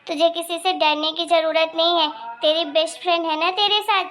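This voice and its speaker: A woman voicing a confident, loyal rich young girl in an animated cartoon, talking in an insistent, bossy way. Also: very high-pitched, brisk. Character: bold, loyal rich young girl who defends her friend.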